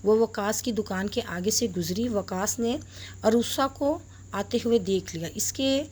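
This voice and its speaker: A woman reading a novel aloud, telling the story in a plain, steady way. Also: mid-range voice, a little slow, a little hiss or hum. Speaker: story reader.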